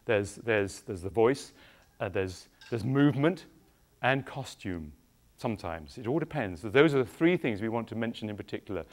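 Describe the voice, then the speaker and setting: His voice is lowish and his speed normal. This middle-aged English actor runs a show for children through a clip-on microphone, quizzing them in a lively, playful way.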